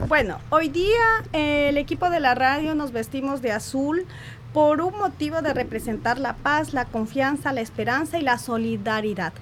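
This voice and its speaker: A woman's voice: high-pitched, normal speed. A woman co-hosting a live radio show, speaking formally to a guest with some hesitation. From Ecuador. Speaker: radio co-host. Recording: faint background noise.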